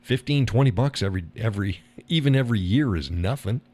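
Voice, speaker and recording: A man hosts a casual live stream, talking bluntly and rambling, swearing and laughing often, and mimicking other people in a higher voice. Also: expressive, fast, a little mellow.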